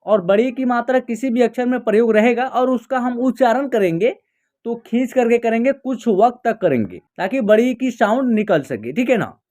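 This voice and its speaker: A patient teacher in a beginner reading lesson. The teacher says each word, then repeats it, stretching the syllables out slowly so learners can follow. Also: mid-range voice, lively intonation, a little mellow. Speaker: Hindi teacher.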